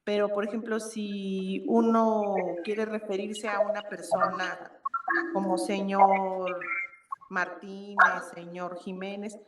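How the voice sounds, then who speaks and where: A woman's voice: mid-range voice, level tone, slow pace, crowd noise. A woman student asking a question, hesitant and searching for words. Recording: echoey room with background noise.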